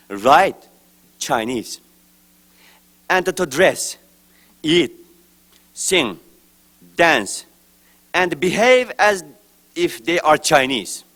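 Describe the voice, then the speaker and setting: At a press event, a man from East Turkestan with a fairly high, somewhat bright voice gives a formal prepared speech. He talks slowly, deliberately and emphatically, letting his phrases trail off.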